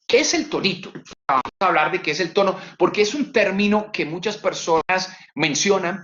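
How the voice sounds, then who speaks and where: A man giving a webinar lecture on communication, talking in an animated way that swings his voice high and low to demonstrate tone and repeats words for emphasis. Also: lo-fi sound. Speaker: communication trainer.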